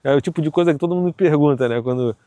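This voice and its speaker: A chatty Carioca vlogger from Rio de Janeiro, Brazil, with a slightly high voice, races through a casual monologue with no echo. He stays relaxed, sprinkling in plenty of fillers and tag questions.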